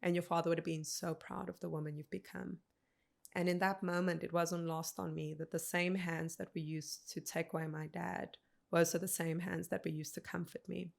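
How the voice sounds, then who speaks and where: South african woman in her 30s, low gravelly voice, earnest story on a podcast. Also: level tone. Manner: earnest, measured storytelling with quoted dialogue. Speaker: guest. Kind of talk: personal storytelling in a podcast interview.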